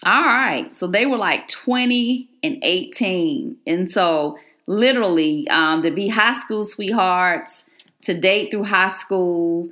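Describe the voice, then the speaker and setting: A woman hosting a podcast draws out her guests with encouraging questions. Her voice sits on the low side. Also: slow, a bit bright. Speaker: podcast host. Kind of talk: interview.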